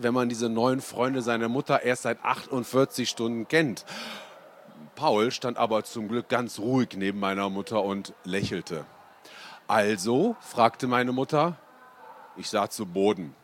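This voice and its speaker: A man reading a children's book aloud, with chatty asides to his listeners. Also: lowish voice. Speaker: reader.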